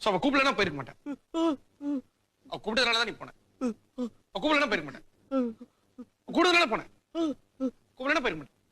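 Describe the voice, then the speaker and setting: A man's voice: extremely high pitch, very animated, fast talker, long pauses, exaggerated voice. A man playing a cruel, taunting young killer. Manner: taunting, sing-song mockery. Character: unhinged young male killer, mocking and cruel. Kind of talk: film scene dialogue. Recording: film dialogue with loud music underneath.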